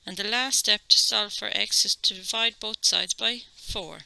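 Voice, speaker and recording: A woman's voice: mid-range voice, normal speed, creaky, sharp tone, dry recording, poor audio. A woman with an Irish accent teaching a maths lesson, explaining each step patiently and checking in with "okay?".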